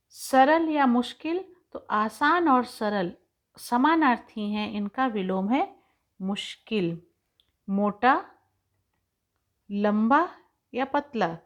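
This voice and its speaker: A woman teaching young children in an online class lesson, explaining each point slowly and patiently. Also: fairly high pitch. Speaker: school teacher.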